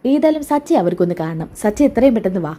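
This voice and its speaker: A woman voicing a male police sub-inspector who gives brisk orders and keeps the details back. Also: medium pitch, big pitch swings, mellow.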